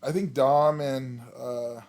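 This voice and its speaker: A man's voice: mid-range voice, fairly even intonation, slow pace, darkish tone, faint music behind. A man co-hosting a casual wrestling podcast, agreeable and often echoing the others, with hesitant starts. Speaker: podcast co-host. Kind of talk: casual chat.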